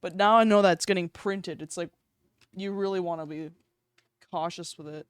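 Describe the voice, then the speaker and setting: A woman's voice: on the low side, steady tone, moderate pace, smooth, no echo, clean studio sound. A young woman streaming while she draws, chatting casually, giggling and swearing easily. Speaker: streamer and artist. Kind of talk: casual live-stream chat while drawing.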